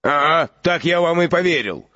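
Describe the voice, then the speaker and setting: A gruff, grumbling half-giant gamekeeper, as a male audiobook reader puts him on, touchy and big-hearted. The voice sits a touch high and bright and sharp. Dry, dull lo-fi audio. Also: animated, moderate pace, dry recording. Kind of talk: audiobook character voice.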